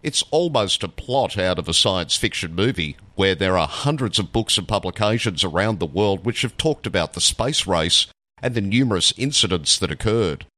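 Really deep aussie guy narrating news like a dramatic documentary, bright punchy voice, dry sound. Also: lively intonation, normal speed, dry recording. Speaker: amateur radio news reader.

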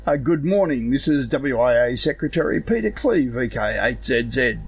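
A man with a rough, gravelly voice, hoarse from illness, reading a scripted announcement as an organisation secretary. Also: mid-range voice, animated, normal speed. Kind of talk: scripted news announcement read aloud.

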